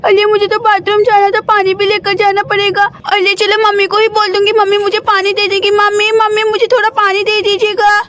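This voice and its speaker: A woman voicing a hurried, nagging teenage girl in a doll story. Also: extremely high pitch, completely flat delivery, fairly bright tone. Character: hurried teenage girl, bossy with her sister.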